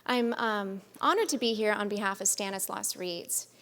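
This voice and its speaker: A woman's voice: mid-range voice, normal speed, fairly bright tone, slight background noise. A woman from California giving an earnest, upbeat talk as guest speaker at a community event. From Modesto, California. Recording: long reverb of a large hall.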